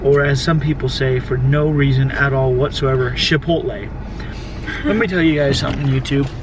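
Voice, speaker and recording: A man's voice: mid-range voice, fairly quick. A man doing a playful mock-serious rant to camera from a car in a drive-thru. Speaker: vlog guest. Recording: noisy car interior.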